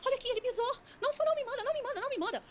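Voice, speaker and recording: A woman's voice: extremely high pitch, lively intonation, very fast, slight background noise, voice pushed up. A woman putting on a crying demon with a child's voice. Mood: pleading. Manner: crying, pleading. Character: whimpering demon faking a small child.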